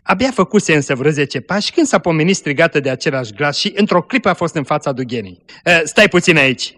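A man narrating a story aloud in a slow, measured way. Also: fairly high pitch, sing-song, fairly bright tone, in a large hall. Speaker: story reader.

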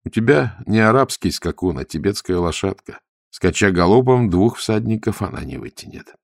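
A man's voice: lowish voice, animated, normal speed, creaky, dry recording. A man voicing a grim older detective who speaks tersely and with dry sarcasm. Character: grim, calm older male detective on the run.

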